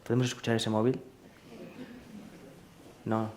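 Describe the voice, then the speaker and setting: A man's voice: lowish voice, little pitch movement, unhurried, darkish tone, a little hiss or hum. A man giving a spiritual talk to a live audience, playful and often turning questions on the listeners. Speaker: spiritual speaker. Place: lecture hall. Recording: echoey hall.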